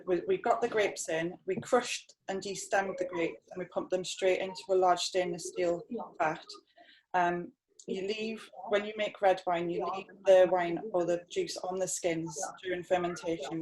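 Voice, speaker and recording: A woman's voice: on the low side, darkish tone, low-quality recording. Hesitant woman winemaker from North East England. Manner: hesitant, many fillers and restarts. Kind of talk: webinar tasting talk.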